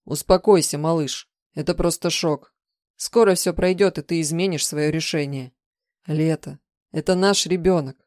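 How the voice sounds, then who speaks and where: A woman's voice: low voice, moderate pace, dry recording, clean studio sound, natural voice. Woman reading a firm, domineering husband. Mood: tender. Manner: firm, mocking, softening to gentle. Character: domineering young husband, mocking then tender.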